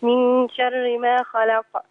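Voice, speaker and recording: A woman's voice: fairly high pitch, completely flat delivery, slow, crowd noise. A woman caller reciting verses hesitantly and repeating them after each correction. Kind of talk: reciting over the phone. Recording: tinny, dry phone line.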